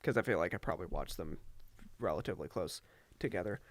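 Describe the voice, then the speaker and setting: A young man co-hosting a casual podcast chat at home, rambling and hesitant, filling pauses with likes and ums. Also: low-pitched, animated, no echo. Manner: rambling, hesitant, lots of fillers. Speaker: podcast co-host.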